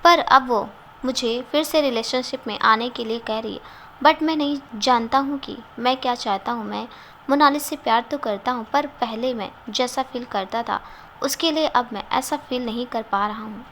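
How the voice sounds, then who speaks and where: A moody, troubled young man from a storybook, read out by a woman. He talks in a hesitant, brooding way, his voice pitched fairly high, with a faint hiss behind it. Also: normal speed, a bit bright.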